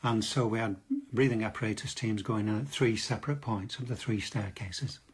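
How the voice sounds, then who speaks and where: An older man, a retired fire officer, gives a steady, matter-of-fact account in an interview. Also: lowish voice, normal speed, slightly rough. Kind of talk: interview recollection.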